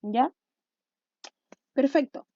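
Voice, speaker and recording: A woman's voice: sits high, drawn-out words, vocal fry, warm tone, no echo. A woman teacher giving an online class, explaining step by step and often checking in with her students. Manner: patient, step-by-step explaining with frequent check-ins. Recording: dull lo-fi sound.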